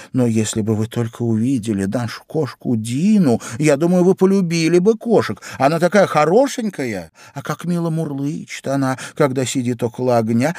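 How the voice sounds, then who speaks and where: A man's voice: a little high, warm tone, no echo, clean studio sound, pitched above the performer's own voice. A man voicing a polite, eager little girl in a storybook reading, with breathless, apologetic chatter.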